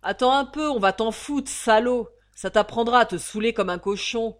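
A woman shouting as a coarse angry prison guard. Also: on the high side, moderate pace, voice pushed up, lightly acted. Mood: furious. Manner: shouting abuse.

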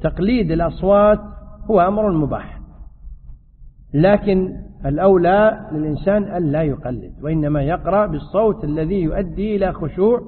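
A man, a sheikh, giving a religious lesson and answering questions from the audience in a quick, explanatory way. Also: sits high, slight background noise. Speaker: sheikh teaching fiqh. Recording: tinny, echoey hall sound.

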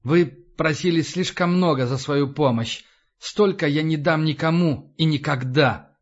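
A man's voice: a little high, measured pace. Male reader doing a proud eastern lord, harsh and curt, muffled lo-fi recording. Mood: harsh, flat. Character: proud, shaken adult male eastern ruler.

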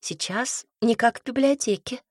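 A woman puts on a chatty young maid who rattles on eagerly and gossips. Her voice sits lighter and higher than the narrator's, in a storybook reading with a dry, close sound. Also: moderate pace, slightly rough, no echo.

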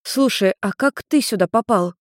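A woman's voice: mid-range voice, moderate pace, dry recording, voice pushed up, close to an everyday voice. A naive, easily frightened young woman who mutters and grumbles, as a woman reading a story puts her on. The voice sits a little above the reader's own, close and dry. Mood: timid. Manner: timid, grumbling, easily startled. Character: nervous, naive nineteen-year-old girl.

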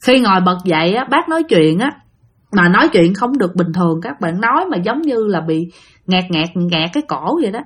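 A woman's voice: mid-range voice, big pitch swings, a little fast, husky. A woman telling a ghost story in a chatty way, talking straight to her listeners. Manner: chatty, addresses listeners directly.

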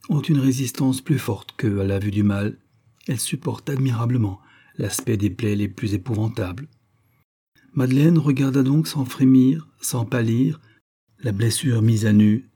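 A man reading a serial novel aloud as an audiobook, with measured, expressive phrasing in short clauses. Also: fairly low pitch, slightly rough. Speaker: audiobook narrator.

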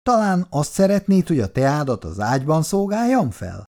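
With a dark tone and a sing-song delivery, a female reader plays a cranky young wife and mother from a 1960s family tale, performed as a dramatized reading. The character's complaints come out shrill and reproachful, with hysterical outbursts.

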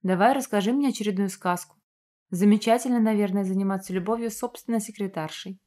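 A woman's voice: mid-range voice, fast, close to an everyday voice. A woman voicing a defiant young heroine. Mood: scornful. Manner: sharp, scornful, shouting. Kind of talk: audiobook character voicing.

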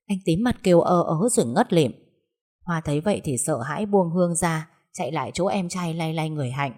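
A woman storyteller reading a family drama in a steady, dramatic way. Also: sits low, fairly quick. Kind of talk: scripted narration of a family drama.

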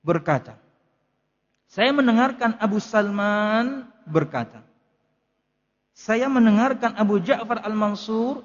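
High-voiced man lecturing in a hall. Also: lo-fi sound. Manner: explains Arabic text line by line in casual Indonesian. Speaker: ustadz teaching a kitab study. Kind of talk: religious study lecture.

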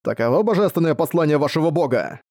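A man's voice: a little high, lively intonation, fast, a little mellow, no room sound. A man voicing a male orc warrior who speaks in short, blunt questions, recorded dry. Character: brutal orc warrior, male, gruff and weary.

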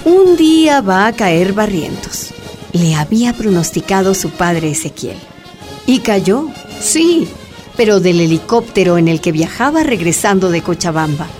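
A woman performs scripted radio-drama narration over background music, measuredly recounting a miner woman's history as the narrator. Her voice is mid-range, sing-song, and a little slow.

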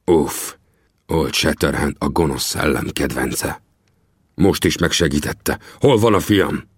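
A man's voice: very deep voice, animated, slightly rough, no echo, studio quality, full character voice. A man voicing a furious old Native chief. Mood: bitter, urgent. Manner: stammering, then shouting in rage.

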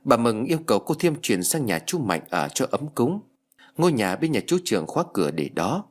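A man narrating a ghost story audiobook in a lively storytelling voice. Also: medium pitch, a little fast.

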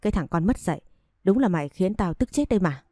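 A woman's voice: animated, fast talker, mellow, no echo, studio quality. A woman reading as a cruel scolding mother-in-law. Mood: scornful, scolding. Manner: shrill insulting scolding. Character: harsh scornful older mother-in-law, domineering woman.

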